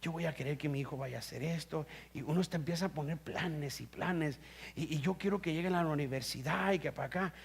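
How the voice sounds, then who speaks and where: A man preaching a sermon as pastor, swinging between loud emphatic bursts and low quiet stretches, asking the congregation questions. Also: fast, gravelly, breathy edge. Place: church. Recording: live stream.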